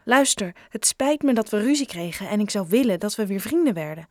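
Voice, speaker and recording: A woman's voice: medium pitch, lively intonation, brisk, no room sound, clean studio sound, close to an everyday voice. A woman voicing a timid, lonely schoolboy who speaks hesitantly in a read-aloud story.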